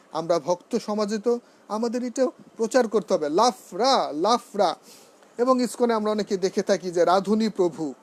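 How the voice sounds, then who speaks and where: In a high-pitched, slightly mellow voice, a man gives a seminar lecture on pronunciation, drilling words slowly and answering his own questions. He's earnest and becomes emphatic when he corrects usage.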